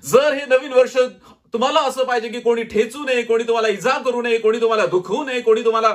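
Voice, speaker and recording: A male pastor with a Marathi accent preaching a sermon dramatically, often dropping to a low, quiet voice. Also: quick pace.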